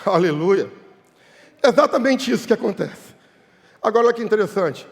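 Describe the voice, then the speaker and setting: A Brazilian man preaches from the pulpit in a notably high voice. He swings from fervent shouted calls to low, hushed asides. A long reverb from the church hall trails every phrase. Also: lively intonation, moderate pace. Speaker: pastor. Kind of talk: sermon.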